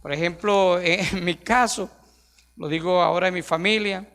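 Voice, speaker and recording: High gravelly pastor preaching. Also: male voice, steady tone, moderate pace, a bit bright. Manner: emphatic preaching with rhetorical questions to the congregation. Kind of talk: sermon. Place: church sanctuary. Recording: long hall reverb.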